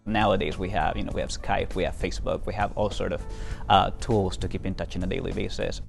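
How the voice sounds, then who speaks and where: A young Venezuelan man with a deep, steady, creaky voice talks fast in a casual interview about his diplomatic work. He speaks earnestly, with lots of fillers and restarts, over soft background music.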